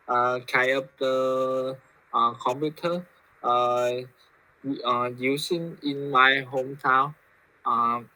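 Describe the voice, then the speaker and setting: Very slow hesitant Vietnamese-accented man. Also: mid-range voice, pushed and bright, no room sound, low-quality recording. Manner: halting, heavy with fillers. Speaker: student. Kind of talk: hesitant practice answer.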